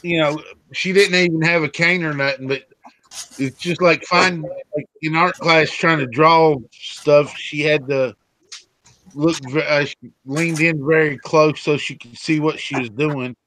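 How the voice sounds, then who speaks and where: A man's voice: a little high, steady tone, unhurried, pushed and bright, slight background noise, poor audio. A man co-hosting a casual live stream, telling a story in a laid-back, rambling way. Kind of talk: casual chat.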